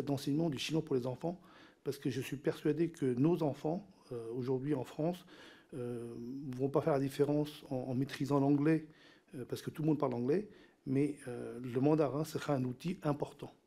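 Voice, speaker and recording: This man's voice is fairly high, creaky and dark, with a steady tone and a moderate pace. Middle-aged and from Cambodia, with Teochew as his first language, he delivers formal testimony at a parliamentary hearing through a desk microphone in a large committee room. Fillers and repeated words mark his hesitant speech.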